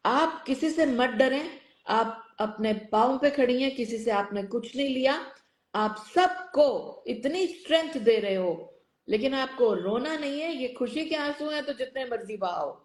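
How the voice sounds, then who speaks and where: A woman's voice: high voice, expressive, a little slow, echoey room. A woman hosting a live online chat, encouraging her guests and mixing English phrases into her Hindi. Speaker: host of a live online show.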